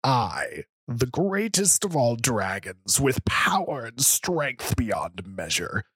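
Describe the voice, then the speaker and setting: Guy voicing a bragging dragon baddie, raised and husky, dry sound. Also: mid-range voice, very animated, slow pace, fairly bright tone, dry recording, voice pushed up, heavily acted. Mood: boastful. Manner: grandiose, boastful declaiming. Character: boastful arrogant male dragon villain.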